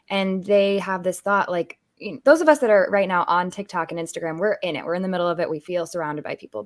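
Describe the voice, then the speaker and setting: A woman co-hosting a call-in talk show, chatting casually, friendly and quick to laugh. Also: on the low side. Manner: friendly, laughs easily, talks fast in bursts. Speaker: co-host. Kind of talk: casual chat.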